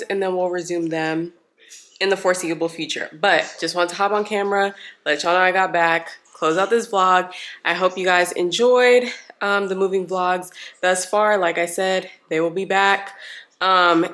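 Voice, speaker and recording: A woman's voice: fairly low pitch, a bit bright. A young woman from the American South, a vlogger, speaking to her viewers at home in a friendly, chatty way. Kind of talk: casual vlog update. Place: at home indoors.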